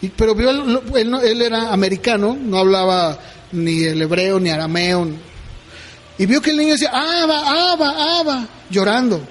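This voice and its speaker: A man's voice: sits high, animated, moderate pace, slight background noise. A middle-aged man, preaching a sermon as pastor in a conversational way, often checking in with "¿verdad?". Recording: long reverb of a hall.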